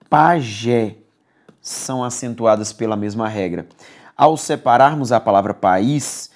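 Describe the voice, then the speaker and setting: A man with a Brazilian accent teaching an exam-prep grammar lesson, coaxing and repetitive, often checking in with his students. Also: medium pitch. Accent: Brazilian Portuguese. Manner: lively, coaxing, repeats key words, checks in with "beleza?".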